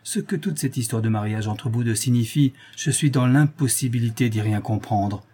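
A man's voice: medium pitch, moderate pace, mellow, slightly rough, close to an everyday voice. A man reading the part of an indignant male opera singer, declamatory in his protest.

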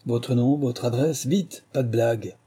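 A man's voice: medium pitch, unhurried, dark tone, slightly rough. A man voicing a suspicious army captain in plain clothes who barks clipped, commanding questions.

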